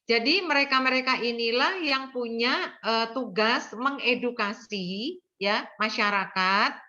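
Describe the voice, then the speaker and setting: Bright-voiced older woman lecturing earnestly. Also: fairly high pitch, lo-fi sound. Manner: earnest, tags sentences with "ya". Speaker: nursing lecturer. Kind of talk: online lecture with anecdotes.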